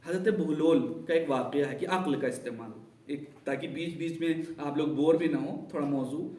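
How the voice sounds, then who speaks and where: A man's voice: a little high, darkish tone, a little hiss or hum. A man giving a religious lesson, explaining with emphatic repetition and telling stories. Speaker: religious teacher. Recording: roomy echo, distant mic.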